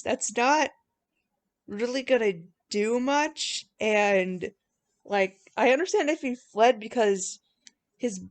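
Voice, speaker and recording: Mocking woman giving casual commentary. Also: medium pitch. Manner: mocking, self-deprecating asides. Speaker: video host reviewing own old writing. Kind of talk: casual commentary with read-aloud story passages.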